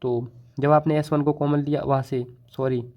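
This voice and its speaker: A man's voice: medium pitch, level tone, normal speed. A man teaching a math lesson at the board in a casual, chatty way, with a North Indian accent, mixing English terms into his talk and often repeating little fillers. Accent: Hindi-English code-mixing, North Indian. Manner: chatty, repeats "thoda sa" and "theek hai", many fillers and restarts. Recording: dull, lo-fi mic.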